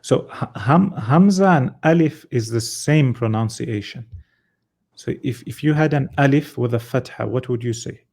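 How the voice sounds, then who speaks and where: Man, Quran reading teacher, patient step-by-step explanations, gravelly, dark tone. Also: medium pitch, normal speed. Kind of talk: one-on-one lesson.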